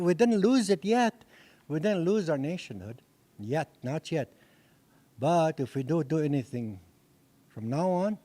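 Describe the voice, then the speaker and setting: Medium in pitch and warm in tone, this older man teaches a language class in an indoor meeting room, holding a mic. Dakota is his first language, and his earnest lecture is full of restarts and repetitions.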